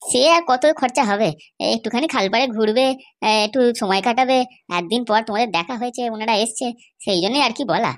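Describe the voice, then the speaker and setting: A woman's voice: a little high, a little fast. A woman voicing characters in a comedy cartoon, with a chatty, persuasive way of talking. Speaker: cartoon voice actor.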